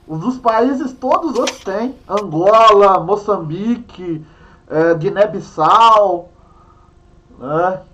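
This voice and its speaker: Lively high-voiced man teaching history. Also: takes it slowly. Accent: Brazilian, Minas Gerais. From Brazil. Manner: chatty, playful teacher, banters with a co-host. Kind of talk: online class lecture.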